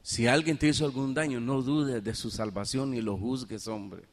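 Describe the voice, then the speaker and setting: A man's voice: mid-range voice, steady tone, moderate pace. A man preaching a sermon as pastor, pressing his point and asking the congregation rhetorical questions. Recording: long reverb of a hall.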